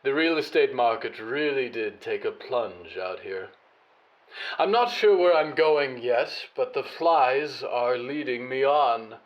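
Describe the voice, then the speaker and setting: A man's voice: mid-range voice, expressive, slow, highs cut off. A man voicing a big, haughty show-business lady with a grand, condescending drawl in an audio drama. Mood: musing. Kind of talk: audio fiction monologue and dialogue.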